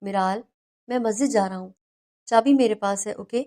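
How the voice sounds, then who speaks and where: A woman voicing a caring young husband who talks with quick, worried concern in a storybook reading. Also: high voice, a little mellow, lightly acted.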